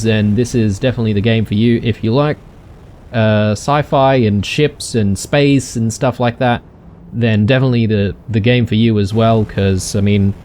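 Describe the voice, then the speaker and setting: A man's voice: medium pitch, darkish tone, a little hiss or hum. A man hosting a let's play, chatting casually to viewers with many ums and uhs. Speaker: gaming channel host.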